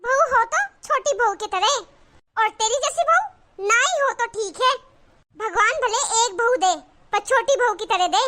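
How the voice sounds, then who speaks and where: Woman playing a cartoon mother-in-law, older, nagging, self-pitying, very high pitch, sharp bright tone. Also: lively intonation, unhurried, full character voice. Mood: gloating. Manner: scolding, complaining, dramatic groans. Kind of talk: cartoon voice acting.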